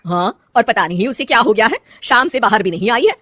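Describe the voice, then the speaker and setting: A woman voicing a middle-aged mother-in-law who talks in a loud, commanding way. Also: on the high side, expressive, brisk, no room sound, studio quality. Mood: warm.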